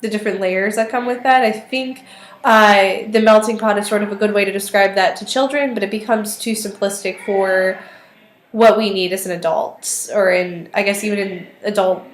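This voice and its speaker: A woman's voice: medium pitch, steady tone, normal speed. Thin, weak-voiced young woman, hesitant. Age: 20s. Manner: hesitant, tentative, thinking aloud. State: weak voice today. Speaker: student vlogger. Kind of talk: casual spoken video response to a classmate. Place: small indoor office or study. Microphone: webcam or laptop microphone at arm's length. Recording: roomy, echoey webcam sound.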